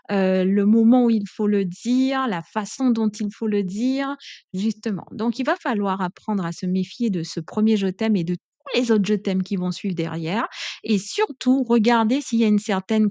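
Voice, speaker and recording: A woman's voice: mid-range voice, mellow, dry recording. Emphatic woman coaching in a dry room. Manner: emphatic, chatty, full of asides like "hein". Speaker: relationship coach. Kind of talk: advice vlog monologue.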